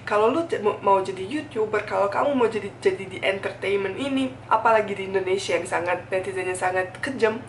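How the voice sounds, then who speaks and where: A foreign woman from Bosnia, speaking colloquial Indonesian as an in a candid, earnest, emphatic talk to camera, often repeating phrases. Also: medium pitch. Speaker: food YouTuber. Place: indoors at home. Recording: echoey room, distant mic, faint noise.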